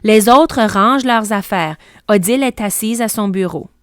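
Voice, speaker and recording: A teacher reads a children's book aloud in clear, steady storytelling. Her voice sits at an ordinary middle pitch. The sound is close and dry, with no room echo. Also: normal speed.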